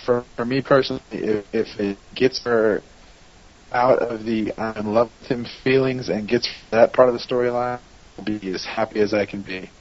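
A man co-hosting a casual chat over a remote call, his audio breaking up and cutting in and out, talking haltingly with many restarts. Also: on the low side, fairly even intonation. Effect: online call audio breaking up, cutting in and out. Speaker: podcast co-host. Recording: muffled, lo-fi call line.

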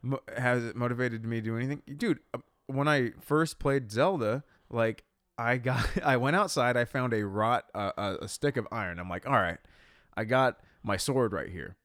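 A man's voice: mid-range voice, normal speed, hardly any pauses, fairly bright tone, smooth, no room sound. Man, thirties, casual crude banter, rambling, dry mic. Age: 30s. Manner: rambling, crude, joking, many restarts. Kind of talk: casual chat.

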